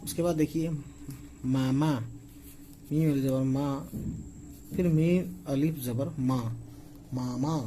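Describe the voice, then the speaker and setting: A man's voice: medium pitch, fairly even intonation, warm tone, faint music behind, poor audio. A man teaching how to write words in Urdu script, spelling each one out letter by letter and checking in with a frequent "okay". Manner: slow, spells letters aloud, repeats okay often. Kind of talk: casual spoken lesson.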